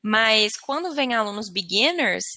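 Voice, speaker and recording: A woman's voice: a little high, unhurried, no echo. A woman who teaches English online, chatting casually in an interview and laughing often. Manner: lively, laughs often, acts out quotes of students.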